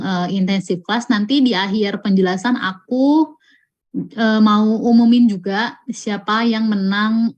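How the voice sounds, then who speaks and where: A woman teaching a live online Japanese class, reading out student answers and stretching example words out slowly and patiently. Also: medium pitch, darkish tone. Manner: slow, patient, drawn-out pronunciation of example words.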